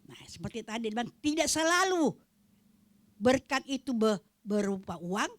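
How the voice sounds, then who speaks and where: Animated older woman giving testimony. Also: a little high, a little slow. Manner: animated, acts out quoted voices, drops to a whisper for emphasis. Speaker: testimony speaker at prayer fellowship.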